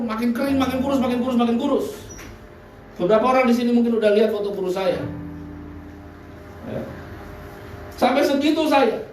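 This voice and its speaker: This very high-pitched male voice belongs to a pastor preaching at a church service in a hotel hall, mixing stories, mimicked voices and blunt slang asides. The recording carries a little hiss or hum, echoes through the hall, picks him up from a distant mic, and has faint music.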